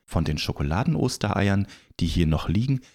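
A man doing a slow, breathy Easter bunny. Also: low-pitched, animated, a little mellow. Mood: generous. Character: friendly old male Easter bunny.

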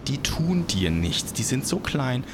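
A man's voice: mid-range voice, very animated, background noise, pitched above the performer's own voice. Man doing coaxing impatient villagers. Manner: coaxing, brisk.

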